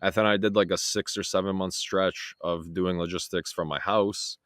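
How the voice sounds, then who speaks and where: Guest, young man, very low voice, relaxed chatty delivery, dry sound. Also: moderate pace, dry recording. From Toronto, Canada. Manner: easygoing, relaxed, filler-heavy. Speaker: guest, freight broker. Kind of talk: casual interview chat.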